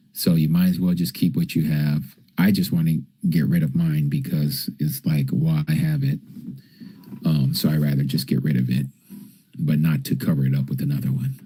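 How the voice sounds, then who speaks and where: On a livestream, a man with a very deep, mellow, slightly rough voice teaches scripture and casually answers viewer questions. He keeps checking in with "okay?" as he explains, and the recording has no room sound.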